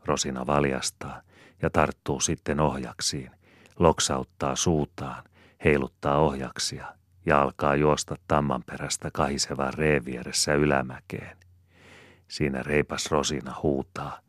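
Very deep-voiced male audiobook reader. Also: flat delivery, fairly bright tone, dry recording, clean studio sound. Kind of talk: scripted narration.

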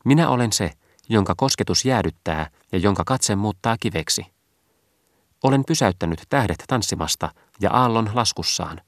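A man's voice: on the low side, animated, no room sound, studio quality. A man voicing Chastity, an icy, stern maiden figure in a storybook reading, cold and commanding.

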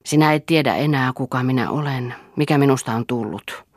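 Woman reading a sardonic, world-weary young man for a storybook, with a husky, breathy tone. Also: extremely low pitch, dry recording, clean studio sound. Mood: brooding. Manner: bitter, hard, sardonic. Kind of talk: audiobook character reading.

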